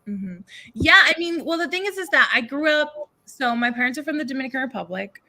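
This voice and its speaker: A woman's voice: high voice, expressive, brisk, pushed and bright. A woman poet who grew up in New York, talking earnestly as a guest and thinking aloud with restarts and tag questions. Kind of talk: livestream book conversation.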